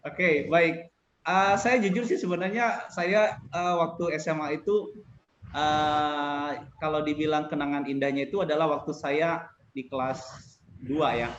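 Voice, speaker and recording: A man in his thirties from North Sumatra, a teacher on a school podcast, tells stories with laughs and hesitations. His slightly high voice sounds roomy and dull, with a faint hiss behind it. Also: takes it slowly, pauses often, a bit bright. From North Sumatra, Indonesia. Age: 30s. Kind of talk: casual interview chat.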